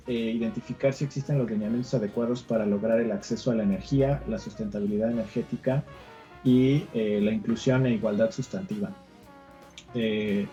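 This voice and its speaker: A man's voice: mid-range voice, warm tone. A man with a Mexican accent formally introducing a panel as moderator, hesitating often, on dull webinar audio. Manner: formal, hesitant with frequent pauses. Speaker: forum moderator.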